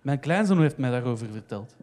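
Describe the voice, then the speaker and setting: A man's voice: mid-range voice, lively intonation, brisk, darkish tone, close to an everyday voice. A man voicing an older man with a grandson, who eagerly explains what he knows. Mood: knowing.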